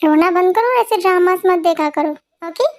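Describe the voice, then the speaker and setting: A woman voicing a young male boss who briskly comforts a crying employee in a dubbed fan story. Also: very high voice.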